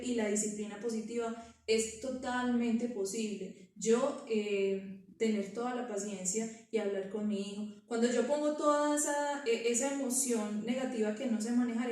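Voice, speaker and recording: A woman talks to parents in a conversational teaching style, tossing in rhetorical questions. Her voice is fairly high and mellow. It sounds distant, in a heavily echoing room. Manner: conversational, asks rhetorical questions with frequent "¿cierto?". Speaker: early childhood educator. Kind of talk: parent training talk. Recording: very echoey room from far off.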